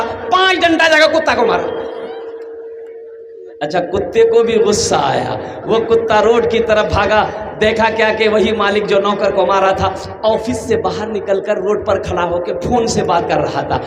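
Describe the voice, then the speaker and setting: A man from eastern India preaching a folksy storytelling sermon to a gathering, exhorting with repeated phrases. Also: extremely high pitch. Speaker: Islamic preacher. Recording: echoey hall with faint noise.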